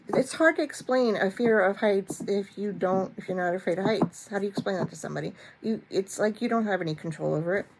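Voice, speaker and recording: A woman with a slightly low voice tells a story straight to her viewers in a loose, chatty way. She stops and restarts her sentences and fills the gaps with "you know" and "like". Her humor is self-mocking. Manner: chatty and animated, with many fillers and restarts. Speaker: vlog host. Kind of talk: casual storytelling chat to camera.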